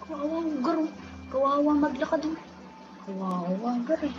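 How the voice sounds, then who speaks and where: A fairly high-voiced woman chats through her gameplay, teasing and calling out to the other players. The sound is dull and lo-fi, with background music playing clearly underneath. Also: lively intonation, moderate pace. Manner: playful, teasing, talks to fellow players. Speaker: gameplay video host. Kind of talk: casual game commentary.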